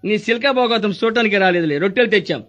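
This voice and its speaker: An actor playing a scheming, greedy hospital doctor in a stage comedy, firing off rustic wisecracks. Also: male voice, high voice, fairly bright tone, dull audio. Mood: mocking. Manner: rapid wisecracking, rustic dialect.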